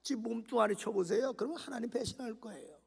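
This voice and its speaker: A man's voice: very high voice, fast, creaky, a little mellow, husky, in a large hall, exaggerated voice. A man preaching a sermon who voices Satan as a wheedling, mocking tempter. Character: Satan, a sly, scornful male devil.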